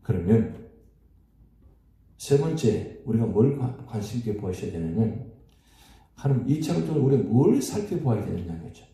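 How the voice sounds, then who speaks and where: A man's voice: medium pitch, big pitch swings, normal speed, pauses often, warm tone. A man preaching a dawn sermon as pastor, asking his congregation rhetorical questions. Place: church sanctuary. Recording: echoey church hall.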